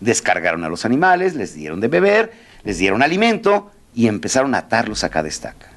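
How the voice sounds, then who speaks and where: Animated motivational speaker, man. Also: lowish voice, brisk. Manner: animated, addresses the audience directly. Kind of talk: motivational talk with storytelling.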